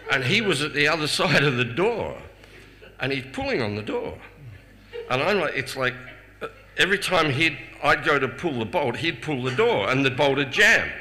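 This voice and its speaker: Recorded in a reverberant festival hall with faint ambient noise, an older man with a fairly high-pitched voice tells a live audience anecdotes from his life. He laughs frequently, and his excitement makes him trip over repeated words.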